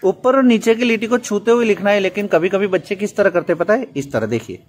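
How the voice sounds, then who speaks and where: A man's voice: sits high, fast. A man with a Gujarati accent teaching young children to write letters, patient and playfully teasing them, in a classroom. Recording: noisy classroom full of children.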